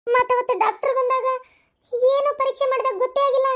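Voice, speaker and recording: A woman's voice: extremely high pitch, level tone, fast, pitched above the performer's own voice. A woman voicing a meek, remorseful young village daughter in a cartoon, explaining hesitantly in a North Karnataka Kannada accent. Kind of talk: cartoon voice acting.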